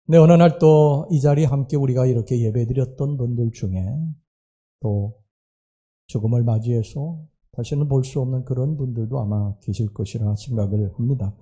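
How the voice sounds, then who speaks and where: A male pastor preaching a Sunday sermon in a church. His voice is very dark and mellow, with a husky, breathy edge. He speaks slowly and earnestly, pausing often between phrases. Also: medium pitch. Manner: slow, earnest preaching with pauses and hesitations. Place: church sanctuary.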